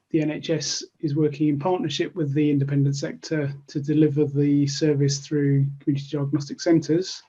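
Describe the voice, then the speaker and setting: A man answering a policy question on a remote panel, halting with many fillers and formal wording. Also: on the high side, mellow, breathy edge. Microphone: video call. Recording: muffled lo-fi call audio.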